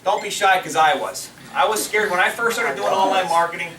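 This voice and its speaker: A man's voice: high voice, a little fast, sharp tone. A man giving a loose, filler-heavy training talk to a live audience in a meeting room, often asking the room to agree. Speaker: team trainer. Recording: roomy sound from far off the mic with faint noise.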